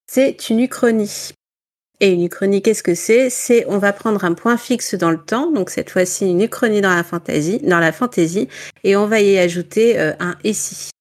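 Woman from northern France, book club chat, lots of fillers, self-mocking, mid pitch. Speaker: book club member presenting a novel.

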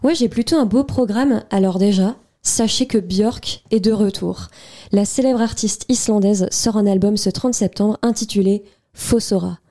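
A woman's voice: mid-range voice, moderate pace, warm tone. Playful young woman radio co-host. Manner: playful, makes puns about her own script. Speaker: radio music show co-host. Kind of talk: presenting music releases on radio. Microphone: studio microphone.

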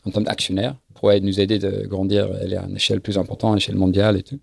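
A middle-aged man, a guest in a casual interview, talking haltingly and searching for his words. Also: deep voice, monotone, creaky, slightly rough, no echo, studio quality. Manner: halting, searches for words, repeats himself often. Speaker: guest, sailing event business founder.

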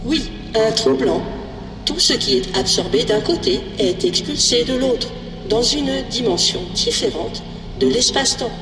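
Female ship computer voiced by a woman: didactic, animated, distant and reverberant, sci-fi comedy. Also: a little high, measured pace. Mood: pedantic. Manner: pedantic, didactic. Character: female ship computer or robot, pedantic explainer. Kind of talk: sci-fi comedy audio drama. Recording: echoey hall, distant, music behind.

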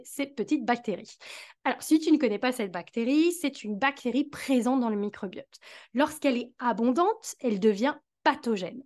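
A woman with a high, light voice hosts a solo educational podcast. She explains each point earnestly and talks straight to the listener, as if advising one person. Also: darkish tone. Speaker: podcast host, digestive health specialist.

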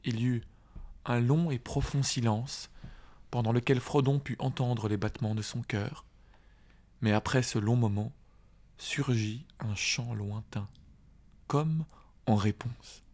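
A man narrating a fantasy audiobook with a slow, expressive, dramatic delivery. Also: mid-range voice. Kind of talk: audiobook reading.

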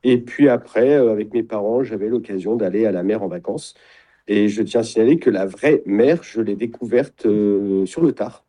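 A middle-aged man, a guest in an interview, talking in a reflective way and often pausing to search for words. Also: on the low side, dark tone. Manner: describes himself as introverted. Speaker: guest, sailing retreat founder. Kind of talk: casual interview talk.

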